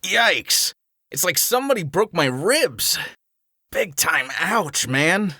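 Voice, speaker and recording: A man's voice: high voice, very animated, slow, pushed and bright, no echo, clean studio sound, exaggerated voice. A man playing a cocky, upbeat young hedgehog hero in an audio drama, with a breezy, peppy, slangy delivery. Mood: pained, exclaiming.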